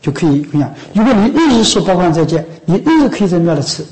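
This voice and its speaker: Casting note: male monk, fairly high-pitched, chatty dharma talk to lay followers, keeps checking that they follow along. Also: very animated, quick pace, darkish tone, rough recording. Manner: conversational, often asks "知道吗？" and "是不是？"; coughs now and then, a few restarts. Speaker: Buddhist monk teacher.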